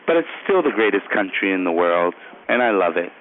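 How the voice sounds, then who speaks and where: Smug prank caller, man, low voice with lively swings, heard over a tinny phone line. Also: fairly quick, a little hiss or hum. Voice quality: smug, condescending, boastful.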